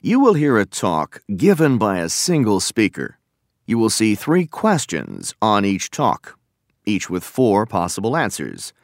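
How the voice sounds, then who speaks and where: A man reading scripted listening test instructions and questions in a formal, deliberate way. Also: lowish voice, no room sound, studio quality.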